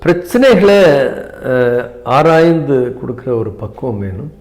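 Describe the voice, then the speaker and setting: A man's voice: mid-range voice, sing-song, a little mellow. Hesitant man in his seventies. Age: 70s. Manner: measured, hesitant with many fillers; mixes in English phrases. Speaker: interview guest. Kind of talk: reflective interview talk.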